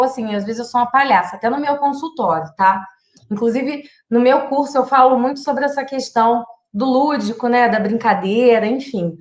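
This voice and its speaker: Brazilian woman, psychologist, chatty parenting advice live, highish voice, echoey room. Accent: Brazilian Portuguese. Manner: chatty and direct, acts out sample phrases to children.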